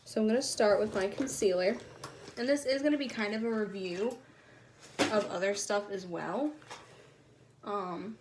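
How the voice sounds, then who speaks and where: A soft, quiet-spoken woman chatting casually through a makeup tutorial, recorded on a phone. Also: medium pitch, normal speed, pauses often, noisy background. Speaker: beauty vlogger.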